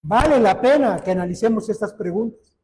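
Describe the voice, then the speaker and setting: A man preaches a sermon, earnestly putting direct questions to his listeners. His voice sits very high for a man. The recording carries the long reverb of a hall. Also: lively intonation, brisk, mellow.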